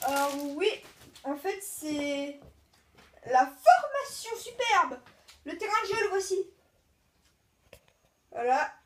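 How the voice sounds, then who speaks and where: Woman host with a high pitch, easygoing and a bit halting, talking viewers through an unboxing. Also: a little hiss or hum. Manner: halting, chatty, lists names one by one. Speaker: video host. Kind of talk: casual card-unboxing commentary.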